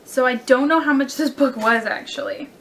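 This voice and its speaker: A woman's voice: high-pitched, normal speed, gravelly, background noise. A young woman chatting casually about her book haul, gushing and rambling with fillers and self-corrections. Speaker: book vlogger.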